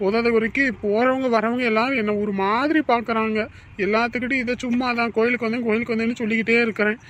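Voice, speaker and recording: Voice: medium pitch, steady tone, fast, fairly bright tone, slight background noise, lightly acted. Performer playing a pushy young village man. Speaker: actor in a family drama. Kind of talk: amateur village family drama acting.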